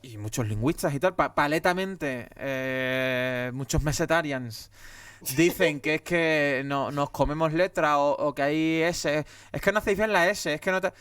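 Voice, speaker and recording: Andalusian male comic guest, smooth dry voice, fired-up conversational delivery. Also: on the high side, a bit bright, no echo. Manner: emphatic and heated, many restarts. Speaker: guest comedian. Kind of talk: casual podcast conversation.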